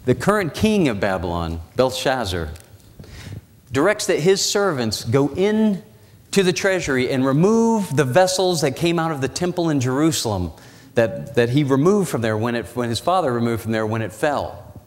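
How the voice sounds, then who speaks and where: A man in his forties preaching a sermon in a church, walking the platform and slowing down, dropping his voice low for dramatic emphasis. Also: sing-song. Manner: walks the platform, gesturing as he preaches. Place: church sanctuary. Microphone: lapel mic and pulpit mic. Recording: church hall reverb.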